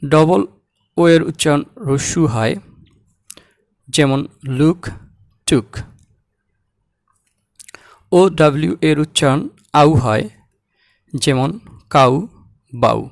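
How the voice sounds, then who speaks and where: A man teaching English pronunciation, saying example words slowly and repeating them. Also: on the high side, gravelly, dry recording, clean studio sound. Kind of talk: slow, deliberate language lesson.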